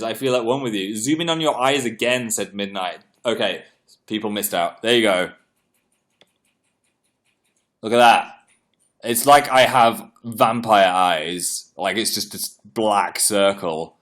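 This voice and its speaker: A young man with a lowish, somewhat bright voice chats casually as a livestream host. Congested and clearing his throat, he jokes at his own expense and reads comments from viewers aloud.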